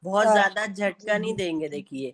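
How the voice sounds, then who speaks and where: In an online class, a woman with a Pakistani Urdu accent teaches Quran recitation, speaking slowly and patiently and drawing out sounds to demonstrate them. Her voice is medium-pitched, and a crowd can be heard in the background.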